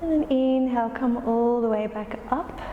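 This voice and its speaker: A woman yoga instructor guiding a class in a calm, soothing, unhurried way. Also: on the high side, phone-quality sound. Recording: roomy, reverberant space with faint noise.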